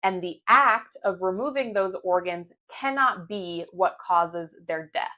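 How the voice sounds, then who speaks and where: A woman's voice: mid-range voice, a bit bright. Woman professor posing questions. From United States. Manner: clear, explanatory, asks many rhetorical questions. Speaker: philosophy professor. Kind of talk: scripted lecture to camera.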